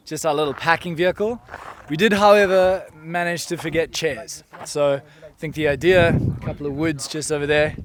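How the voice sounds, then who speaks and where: A man's voice: fairly high pitch, background noise. A man talking casually and enthusiastically to camera as an outdoor vlogger, using colloquial speech. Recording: loud background music. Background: loud music.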